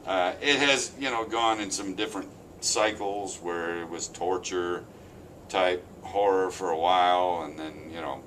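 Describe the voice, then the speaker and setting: A man who works as an actor and stunt coordinator, speaking as a guest in a casual interview with calm, dry humor. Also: deep voice, a little slow, slight background noise. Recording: slightly distant from mic.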